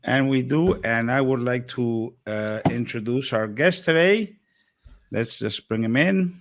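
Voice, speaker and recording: A man co-hosting a casual talk show, speaking politely and warmly welcoming the guest. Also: mid-range voice, measured pace. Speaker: podcast co-host.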